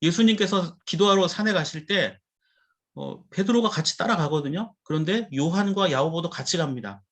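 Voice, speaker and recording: A man's voice: a little high, moderate pace, a bit bright. A male pastor preaching a sermon, explaining Bible words and putting questions to the congregation.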